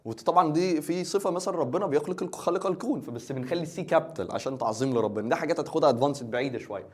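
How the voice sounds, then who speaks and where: A man's voice: a little high, expressive, a little mellow. A man teaching English in Egyptian Arabic, joking as he translates and quizzes the student. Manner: quick, joking, asks the student questions. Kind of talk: playful exam-review lesson.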